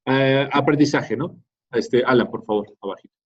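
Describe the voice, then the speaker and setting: A man's voice: medium pitch, moderate pace, husky. A man giving a classroom lecture in a conversational way, often asking "¿no?" to check in with students. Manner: conversational, tags many phrases with "¿no?". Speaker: teacher. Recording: dull lo-fi classroom recording.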